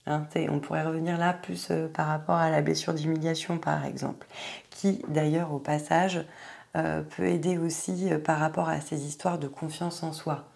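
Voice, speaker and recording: Gravelly-voiced woman giving a card reading. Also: sits low, little pitch movement, moderate pace. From France. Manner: gentle, hesitant, many fillers. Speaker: tarot card reader. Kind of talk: astrology guidance reading.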